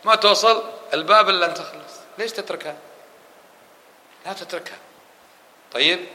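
Brisk bright-voiced man teaching a religious lesson. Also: high voice. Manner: questions listeners and answers himself; fast, lively delivery that drops to quick murmured dhikr runs. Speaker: Islamic scholar teaching a lesson. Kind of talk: religious lesson to a mosque audience. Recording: echoey room with faint hum.

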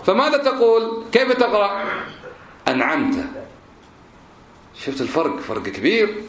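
A man's voice: high-pitched, wildly swooping pitch, fairly quick. A man teaching a class and drilling verb forms through questions. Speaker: religion teacher. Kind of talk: classroom lesson. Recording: roomy, dull lo-fi recording.

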